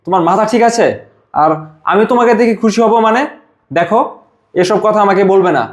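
Brief: actor as a scolding, indignant husband in a short film, high-pitched male voice. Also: a little fast, close to an everyday voice.

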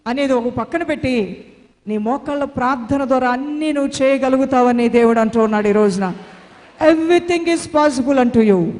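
Fervent high-voiced woman preacher, hall reverb. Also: a little mellow. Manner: fervent, repetitive exhortation. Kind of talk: sermon.

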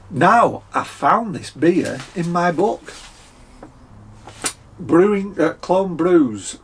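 A husky, croaky Scottish beer reviewer in his fifties talks casually through a tasting at his desk, full of fillers and the occasional throat clearing. His pitch is mid-range, and he's recorded close to the camera in a small room at home.

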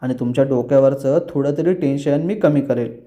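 A man's voice: medium pitch, brisk, dark tone, lo-fi sound, lightly acted. A man voicing an anxious, affectionate young wife while retelling a TV serial scene. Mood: caring. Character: caring young wife, clever and worried.

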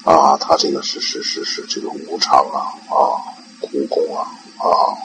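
An old man giving an informal Buddhist talk in a gravelly voice. He rambles, repeats words and leans on fillers. A faint background hiss sits behind him. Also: extremely low pitch, little pitch movement, moderate pace. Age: older. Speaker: Buddhist lay teacher.

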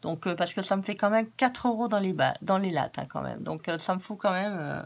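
A woman with a hoarse voice chatting casually through a craft-supply haul, repeating words for emphasis as she shows each item. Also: mid-range voice, brisk. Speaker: craft vlogger.

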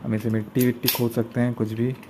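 A young man talking casually as he unboxes camping gear, pausing often with fillers and restarting his sentences. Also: mid-range voice, level tone. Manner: hesitant, many fillers and restarts. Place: indoor room at a table. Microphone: handheld phone camera pointed at the table. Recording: noisy phone recording with room hiss.

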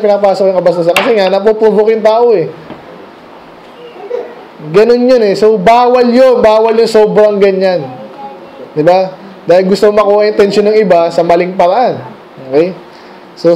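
A man with a Filipino accent preaches a midweek Bible study sermon in a loose, conversational way, mixing in English phrases and rhetorical questions. His voice sits high, with a soft, mellow tone. A faint background hum runs under him. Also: rough recording. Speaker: pastor. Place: church meeting room.

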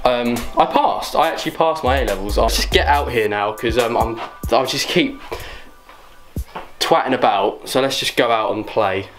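Faint music plays behind a young adult vlogger as he chats casually to the camera, swearing, rambling, mocking himself, and at times getting out of breath. His mid-range voice is a bit bright and moves at normal speed.

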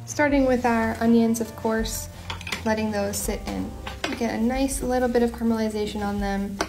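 A young woman with a slightly high voice hosts a home cooking show, walking through a recipe at normal speed in a relaxed, chatty voice-over with small asides. She seems to be in her own home kitchen, with soft music playing beneath.

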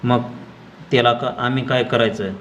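A man's voice: mid-range voice, fairly even intonation, normal speed, fairly bright tone, a little hiss or hum, natural voice. A man reading the lines of a defiant village man who stands up to the elders, earnest and stubborn.

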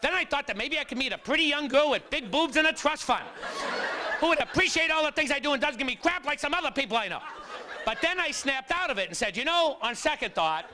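A man doing a stand-up comedy routine in a comedy club, acting out rants with shouted character voices. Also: extremely high pitch, expressive, quick pace, noisy background.

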